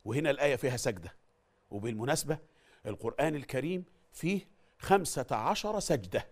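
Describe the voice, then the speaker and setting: A middle-aged man with an Egyptian Arabic accent, teaching Quran recitation, explaining in an animated way and repeating phrases to drill how they are said. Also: medium pitch, fast. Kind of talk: Quran recitation lesson with chanted verses.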